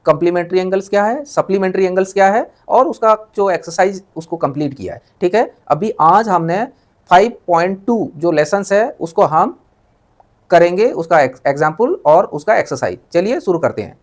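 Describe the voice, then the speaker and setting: A man's voice: high-pitched, expressive, normal speed. A man teaching a maths lesson online, repeating key terms and asking rhetorical questions to check that students understand, mixing in English technical terms.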